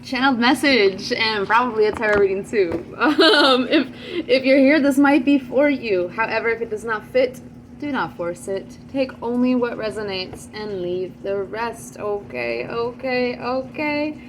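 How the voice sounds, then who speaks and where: With background noise behind her, a woman speaks at normal speed in a highish voice, delivering a chatty, channeled tarot reading to camera. Fillers are plentiful, and she keeps checking in with the people watching.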